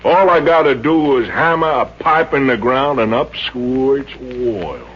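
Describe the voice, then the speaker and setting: A man's voice: medium pitch, expressive, a little slow, close to an everyday voice. A man playing a boastful, folksy middle-aged Texas oilman with a Texan drawl in a 1950s radio comedy. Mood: boastful, coaxing. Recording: muffled, noisy old radio recording.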